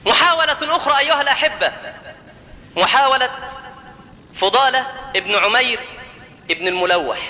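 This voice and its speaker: A man's voice: extremely high pitch, pushed and bright, in a large hall. A man with an Egyptian accent preaching a storytelling sermon, mixing jokey asides with formal quotes. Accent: Egyptian Arabic.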